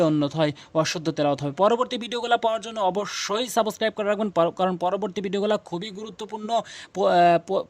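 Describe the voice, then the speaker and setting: A man teaching correct Quran recitation, explaining each rule and drilling sounds by repeating them slowly and emphatically. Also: high-pitched, dry recording. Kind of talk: instructional explanation.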